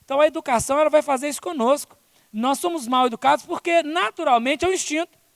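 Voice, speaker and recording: A man with a Brazilian accent gives a spiritist lecture at a conference in an extremely high, gravelly, fairly bright voice at a quick pace, frequently ending sentences with "né?" and "não é?". The audio has studio quality, though the big conference hall adds long reverb.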